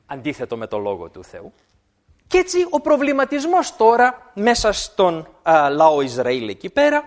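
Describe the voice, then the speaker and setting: A man preaching a sermon, animated and repeating words for emphasis. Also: high voice.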